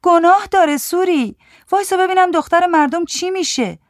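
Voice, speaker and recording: A woman's voice: fairly high pitch, sing-song, darkish tone, no room sound, clean studio sound, voice pushed up. A woman voicing a watchful, caring woman who pleads and scolds out of concern in a storybook reading. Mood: pleading.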